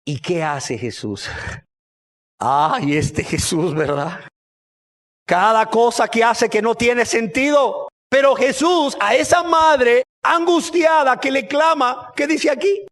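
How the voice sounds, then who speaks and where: A male pastor preaching a sermon, animated, asking the congregation rhetorical questions and swinging from loud to hushed. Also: extremely high pitch, slow pace.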